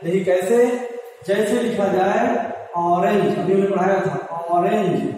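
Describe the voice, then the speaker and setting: A man's voice: sits high, takes it slowly, darkish tone, slight background noise. A man teaching an English grammar lesson in a classroom, who keeps putting questions to the class and then answering them himself. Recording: echoey classroom from far off.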